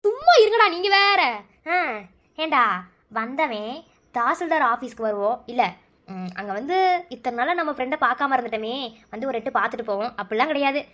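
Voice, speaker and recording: A shrill, brash woman official in a cartoon , played by a woman, talking fast in a Madurai Tamil accent. She teases and scolds everyone around her in a bossy way. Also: animated, a bit bright. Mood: teasing. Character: bossy middle-aged woman official, teasing. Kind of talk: cartoon voice acting.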